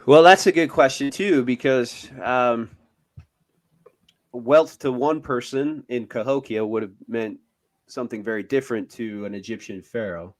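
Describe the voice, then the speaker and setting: A man's voice: medium pitch, measured pace. Hesitant man co-hosting a podcast. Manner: hesitant, lots of fillers. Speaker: podcast co-host. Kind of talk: casual chat.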